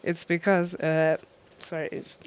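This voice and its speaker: Lady dj in an interview, smooth clear voice, laughs a lot, lots of ums. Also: fairly low pitch, little pitch movement, a little slow. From Iran. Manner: laughs often, storytelling with many fillers. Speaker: DJ and guest. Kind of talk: casual interview.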